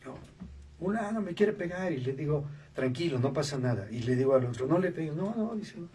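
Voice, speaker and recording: Animated man, slightly high voice. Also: brisk. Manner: animated, acts out quoted voices, tags remarks with "¿no?". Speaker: radio show guest. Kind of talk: storytelling interview talk. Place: radio studio. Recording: distant mic, faint background noise.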